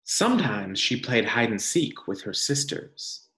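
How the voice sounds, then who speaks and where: A man of medium pitch reads a picture book aloud as a teacher might for young listeners. He takes it deliberately and expressively, with pauses for emphasis and guiding questions, in a room with noticeable echo.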